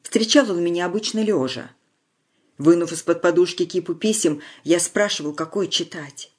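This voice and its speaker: A narrator reading a wartime village tale in a measured storytelling manner, slowing on solemn lines. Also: medium pitch, husky. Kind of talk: scripted narration.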